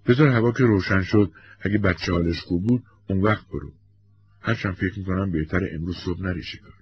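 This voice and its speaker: A man's voice: deep voice, lo-fi sound. A man voicing a young wife who pleads and insists, in a storybook reading. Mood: insistent.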